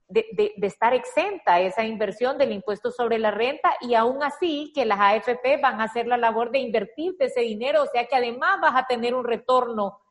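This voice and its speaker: A woman's voice: a little high, big-room sound. A woman with a Salvadoran Spanish accent co-hosting a casual chat, agreeable and affirming as she reads listener questions. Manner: agreeable, laughs along, affirming. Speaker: co-host reading listener questions.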